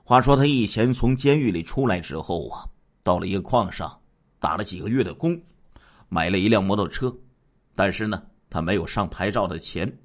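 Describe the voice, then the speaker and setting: A man narrating a true-crime radio program as a dramatic storyteller, with animated delivery and drawn-out sentence-end particles. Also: sits low.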